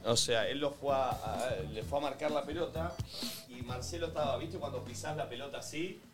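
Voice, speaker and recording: A young man with an Argentine accent, telling a story on a panel with animated insistence. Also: medium pitch, moderate pace, over music. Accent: Argentine Rioplatense. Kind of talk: casual chat.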